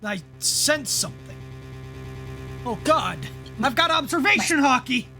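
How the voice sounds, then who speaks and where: A woman's voice: high-pitched, a little slow. A woman giving casual, joking let's play commentary as the host. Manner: joking, excitable. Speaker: game streamer. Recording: game music playing behind.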